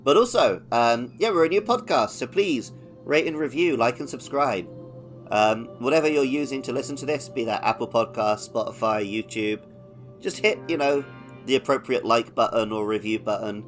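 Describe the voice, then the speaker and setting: Faint music sits behind a podcast co-host as he talks casually about video games, relaxed and conversational, his mid-range voice at a moderate pace.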